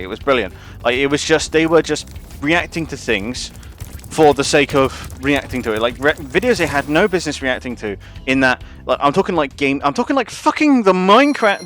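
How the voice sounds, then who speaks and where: Swearing streamer ranting. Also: male voice, a little high. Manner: profane, rambling, animated. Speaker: gaming streamer. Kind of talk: casual livestream rant.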